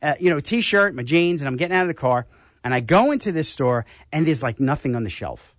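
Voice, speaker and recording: An older man with a New York accent, hosting a radio health talk show and telling stories in a casual, animated way. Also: a little high, brisk, no room sound, studio quality. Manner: animated storyteller, acts out voices.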